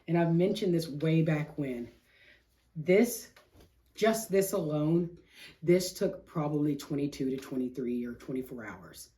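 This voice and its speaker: A woman's voice: low-pitched, expressive, unhurried, dark tone. A middle-aged woman hosting a craft vlog, chatting casually in a rambling, slangy way with self-deprecating humor. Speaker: craft show host.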